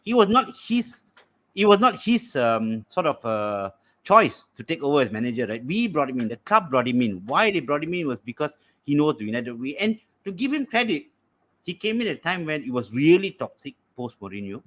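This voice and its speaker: Animated Malaysian man, lively pitch. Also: moderate pace. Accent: Malaysian English. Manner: animated, persuasive. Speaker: football show panelist. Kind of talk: casual debate.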